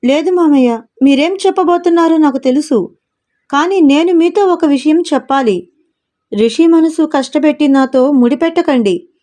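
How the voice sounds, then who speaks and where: A woman's voice: high-pitched, moderate pace, warm tone, natural voice. A woman voicing a heartbroken, self-sacrificing young woman who pleads emotionally in a storybook reading. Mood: pleading.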